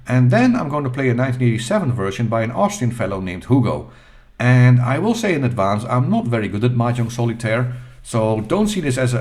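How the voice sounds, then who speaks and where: A middle-aged man hosting a retro gaming channel, talking over gameplay in a casual, halting and self-deprecating way with fillers and restarts. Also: medium pitch.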